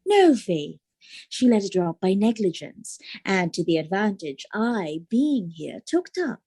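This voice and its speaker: Woman playing mellow, husky Emilia. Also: medium pitch, very animated, a little slow. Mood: teasing. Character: Emilia, wary serving wife seeking husband's favour. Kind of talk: Shakespearean audio drama acting.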